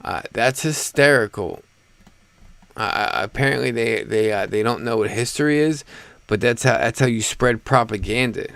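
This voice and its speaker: A man from the United States hosting a live stream, talking in a relaxed, halting, rambling way about the news. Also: mid-range voice, gravelly, clear, resonant tone, no room sound. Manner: laid-back, halting and rambling. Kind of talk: casual political chat.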